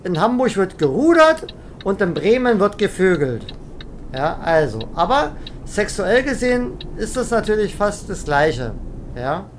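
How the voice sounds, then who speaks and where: A man's voice: high-pitched, big pitch swings, unhurried, slight background noise. A man giving casual gaming commentary as a let's play host, rambling and joking with bursts of improvised silly singing.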